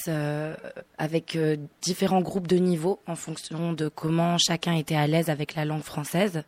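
A woman with a low voice introduces her writing workshop, hesitating often as she speaks. The sound is dry, with no room echo. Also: a little mellow. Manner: hesitant, with many fillers. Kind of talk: presenting on the radio.

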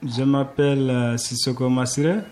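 A male student from Mali introduces himself slowly and hesitantly. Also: medium pitch, flat delivery, darkish tone. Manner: slow and hesitant.

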